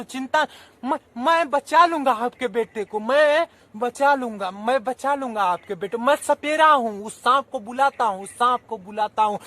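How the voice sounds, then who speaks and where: A man voicing a confident snake charmer who loudly questions and demands answers. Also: very high voice. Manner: loud, interrogating, forceful. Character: confident middle-aged male snake charmer, stern and demanding.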